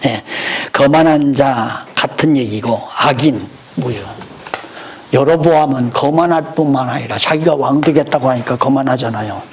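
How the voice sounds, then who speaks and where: A man's voice: mid-range voice, moderate pace. A man teaching a Bible study lecture, explaining verses and then telling stories from his own life.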